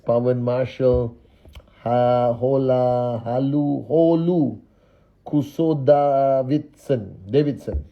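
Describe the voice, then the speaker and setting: A man hosts a casual live stream indoors, just back from a dinner, cheerfully greeting viewers by name one after another. He sounds upbeat, rattling off names with quick hellos, in a medium-pitched voice on lo-fi audio.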